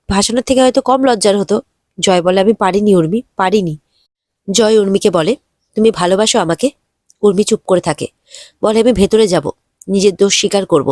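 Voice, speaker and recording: Woman retelling a tv serial episode, dry close mic, middle pitch. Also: darkish tone, dry recording. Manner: retells dialogue with light emotion. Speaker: serial recap narrator. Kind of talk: episode recap narration.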